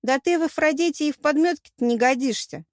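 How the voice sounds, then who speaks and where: Woman doing a loud, pompous dim-witted demigod hero. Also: sits high, fast talker, dry recording, clean studio sound, voice pushed up, close to an everyday voice. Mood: gushing. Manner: pompous, declaiming, flustered.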